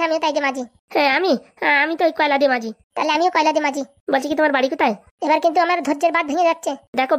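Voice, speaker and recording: A woman performing a comic sketch, trading rapid, bickering banter. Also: high voice.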